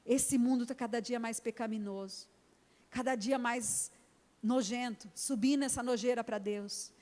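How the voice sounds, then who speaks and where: A woman's voice: a little high, steady tone, unhurried, darkish tone. A middle-aged Brazilian woman pastor preaching an emphatic sermon in a church, acting out conversations with her daughter. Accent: Brazilian Portuguese. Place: church hall. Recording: long church reverb.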